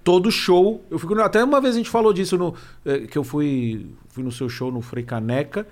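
A man's voice: moderate pace, darkish tone. A man, a comedian and impressionist chatting casually on a podcast, self-deprecating, with frequent restarts. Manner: self-deprecating, restarts often, shifts pitch to imitate.

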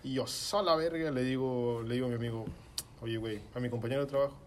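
A man's voice: mid-range voice, little pitch movement, rapid-fire, a little hiss or hum. A young man with a Mexican accent telling a story to friends in casual, slangy chat full of swearing. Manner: slangy, swearing, acts out his own shouting in quotes.

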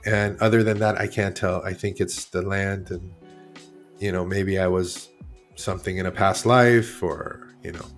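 Rambling, candid man, low voice. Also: steady tone, moderate pace, soft background music. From Iran. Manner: rambling, candid, self-correcting. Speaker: artist guest. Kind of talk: casual interview talk.

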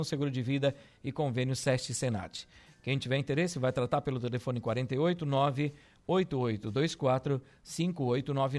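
A man's voice: medium pitch, a little mellow. A man with a southern Brazilian accent hosting live radio informally and reading out announcements. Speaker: radio host.

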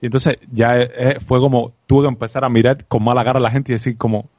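A man with a Cuban accent, a guest on a podcast, talks about sales in an animated, reflective way, often asking "¿sabes?". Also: medium pitch, fast, no room sound, muffled recording. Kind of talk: casual interview conversation.

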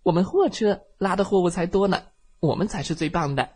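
A man voicing a boastful little male van, a competitive child, in a bedtime storybook, high and bragging. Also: a little fast, darkish tone, slightly rough.

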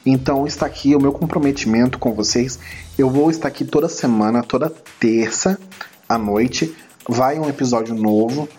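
A Brazilian man speaks as a podcast host over background music. His voice is hoarse and strained by throat trouble, sitting at a medium pitch. He talks casually and a bit haltingly, addressing his audience directly. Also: a little mellow. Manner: informal, hesitant, addressing listeners directly. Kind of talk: casual solo film review podcast talk.

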